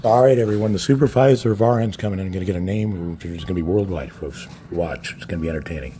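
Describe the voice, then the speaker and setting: A man's voice: deep voice, quick pace, noisy background. A man livestreaming from a hospital room on his phone, talking in a belligerent, profane way. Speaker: patient livestreaming from a hospital bed. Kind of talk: ranting livestream monologue. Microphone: phone held by the speaker.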